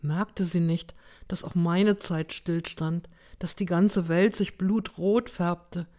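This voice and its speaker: With a rather low voice and no rush at all, a woman works through a first-person story as audiobook narration, keeping her delivery calm, measured, and steady.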